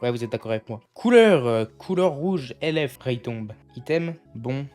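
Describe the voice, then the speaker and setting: Soft music plays behind this young man as he streams, musing out loud and talking loosely with his audience, whom he keeps calling "les gars." He's a gaming streamer with a medium-pitched, expressive, slightly mellow voice at a normal pace.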